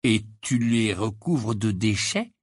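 A man's voice: on the low side, expressive, slow pace, breathy edge, dry recording, studio quality, exaggerated voice. Man doing a grumbling, stubborn teenage wizard. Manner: mutters, flares up angrily.

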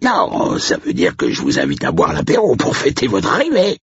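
A man doing a gruff country caretaker with a gravelly bass. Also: wildly swooping pitch, moderate pace, no echo, full character voice. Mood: affable. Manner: blunt slangy threats then chatty. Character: gruff rural male estate caretaker, jumpy then jovial. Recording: dull lo-fi recording.

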